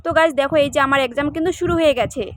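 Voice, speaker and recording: A woman's voice: sits high, racing, a bit bright. A young adult woman, chatting casually to viewers in her vlog. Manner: chatty, addresses viewers directly. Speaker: vlogger. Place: outdoors in rain, then dance class.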